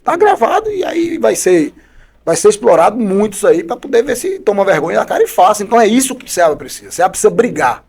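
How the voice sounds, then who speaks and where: A man with a high-pitched voice speaks as a politician guest on a podcast. He argues combatively and hammers his points home with rhetorical questions. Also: sing-song, quick pace, creaky, a little mellow. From Bahia, Brazil. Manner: combative, emphatic criticism with repeated rhetorical questions. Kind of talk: podcast interview.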